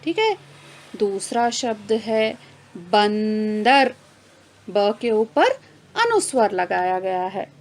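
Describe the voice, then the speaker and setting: A woman's voice: medium pitch, sing-song, very slow, pauses often. A woman teaching children a Hindi grammar lesson, drawing out each example word, repeating it, and asking the class questions she then answers herself. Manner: mixes in English words to explain terms.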